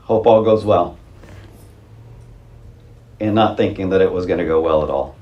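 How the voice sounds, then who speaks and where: A man's voice: sits low, moderate pace, muffled recording, slight background noise. A male pastor preaching a conversational, wry sermon with chuckling asides. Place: church sanctuary. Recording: roomy church sanctuary.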